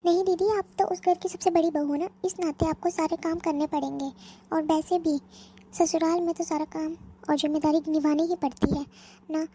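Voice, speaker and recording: A woman's voice: very high voice, fairly even intonation, normal speed, warm tone, a little hiss or hum. A woman voicing a sensible young working daughter-in-law who politely lectures her relatives. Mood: calm lecturing. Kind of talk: cartoon voice acting.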